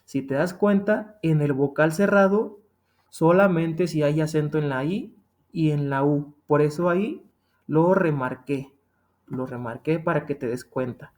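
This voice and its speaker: A man's voice: a little high, a little slow, a little mellow. A man with a Mexican accent teaching a grammar lesson, patient and repetitive, often checking in with "ok?". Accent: Mexican Spanish.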